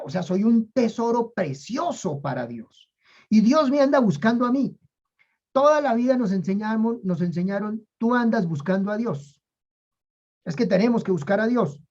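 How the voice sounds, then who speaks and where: A woman's voice: medium pitch, mellow, dull audio. A woman teaching a Bible class, emphatic and repetitive, who urges listeners to repeat key lines aloud.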